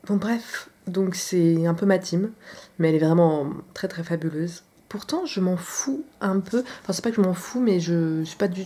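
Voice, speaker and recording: A young woman narrating her daily vlog in a relaxed, mellow voice that sits a little low. She chats in a confiding way, stopping often to hesitate and pick her words. She is fighting off allergies. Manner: chatty and confiding, with frequent hesitations. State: suffering from allergies. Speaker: vlogger and aspiring comic artist. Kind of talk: casual vlog voice-over.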